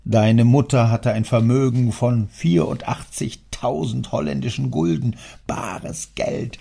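A man voicing a stern, wealthy old father who scolds his son in an audiobook, speaking in a gravelly, husky, lecturing way. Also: mid-range voice, takes it slowly, mellow, voice pushed up, full character voice. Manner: lecturing, indignant, declamatory. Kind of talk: audiobook character reading.

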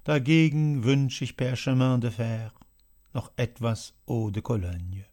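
A man voicing an agitated male writer who loudly reads out a letter in a dramatized audiobook. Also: medium pitch, fairly even intonation, measured pace, lightly acted. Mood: declaiming. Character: agitated male literary man announcing news.

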